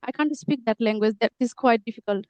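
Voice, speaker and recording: A woman's voice: fairly high pitch, a little fast, darkish tone, dry recording, muffled recording. Careful woman with an Assamese accent. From Assam, India. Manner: careful, explanatory, spells words out. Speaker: conversation partner. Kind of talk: casual chat.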